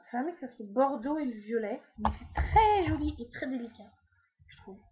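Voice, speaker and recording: A woman's voice: sits high, animated, moderate pace, lo-fi sound. A woman chatting casually through a makeup haul at home, with many fillers and trailing asides. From France. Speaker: beauty vlogger. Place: at home, indoors.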